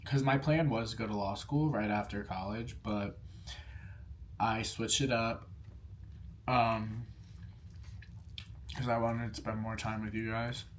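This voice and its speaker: A man's voice: lowish voice, fairly even intonation, slow pace, long pauses, slight background noise. A man in his early twenties chatting casually as he eats and answers viewer questions, with many "like" fillers. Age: young adult. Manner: chatty, lots of "like" fillers, talks between bites. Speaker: food vlogger. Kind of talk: casual mukbang Q&A while eating.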